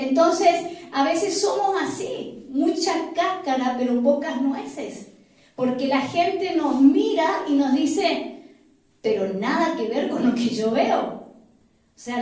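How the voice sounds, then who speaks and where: A woman's voice: high voice, a little mellow. A woman pastor with an Argentine accent preaches earnestly, repeating phrases and asking rhetorical questions. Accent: Argentine Spanish. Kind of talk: sermon. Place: church hall. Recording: very echoey hall, mic far off.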